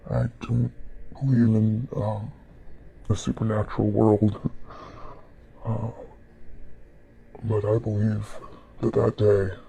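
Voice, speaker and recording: Shaken male witness, gravelly, long pauses, documentary interview, slight background noise. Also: lowish voice, little pitch movement, dark tone, rough recording. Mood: haunted, uneasy. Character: shaken male forensics technician recounting a haunting. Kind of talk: mock documentary interview acting. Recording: background noise with room ambience.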